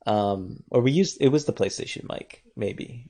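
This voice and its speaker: A man's voice: medium pitch, normal speed, a crowd in the background. A man who co-created and voiced a web series, chatting casually on a stream with lots of ums and restarts. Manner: lively, hesitant with many ums. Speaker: co-creator and voice actor.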